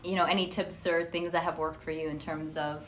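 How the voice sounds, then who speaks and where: A woman's voice: deep voice, little pitch movement, fairly quick, a bit bright. Woman with a Colombian accent, noisy livestream. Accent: Colombian Paisa. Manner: giggly, effusive. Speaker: livestream co-host. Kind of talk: casual chat with live viewers.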